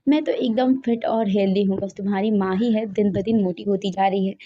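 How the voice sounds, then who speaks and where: A woman's voice: mid-range voice, fairly even intonation, a little fast, slight background noise, lightly acted. A woman voicing a middle-aged father who teases his wife and plays innocent, in a dull lo-fi recording. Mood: teasing. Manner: playful, mock-innocent. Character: bickering middle-aged father, teasing and sly.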